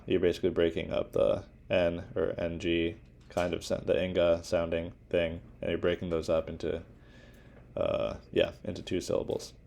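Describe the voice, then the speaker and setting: Young guy doing a class presentation, deep creaky voice, lots of ums and likes. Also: warm tone. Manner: informal, many fillers and restarts. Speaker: student presenter.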